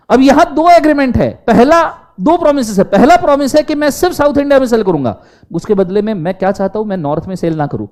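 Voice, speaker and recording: A man teaching law in a classroom lecture, mixing Hindi and English and often asking the class to answer aloud. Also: high-pitched. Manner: animated, quizzes the class in Hindi mixed with English.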